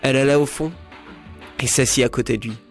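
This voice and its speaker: Flat-voiced man reading a story. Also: mid-range voice, fast, vocal fry, soft background music. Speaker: reader. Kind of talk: reading a novel excerpt aloud.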